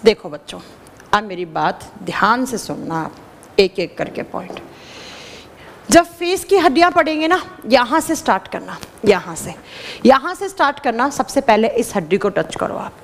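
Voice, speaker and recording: Lively high-voiced woman teacher, reverberant. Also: normal speed, slight background noise. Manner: animated, addresses students as children, asks and answers her own questions. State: dry throat. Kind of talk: classroom lecture.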